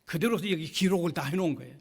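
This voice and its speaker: A man's voice: on the high side, racing, vocal fry, a little mellow, slightly rough, big-room sound. A man preaching a sermon as pastor, emphatic and often repeating his key phrases. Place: university church sanctuary.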